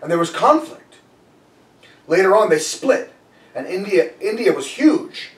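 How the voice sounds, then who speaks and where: A man's voice: high voice, big pitch swings, a little slow. A man giving a conversational sermon, telling a story in a loose way and often restarting his sentences. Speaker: preacher. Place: church sanctuary. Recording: echoey room, voice a bit far from the mic.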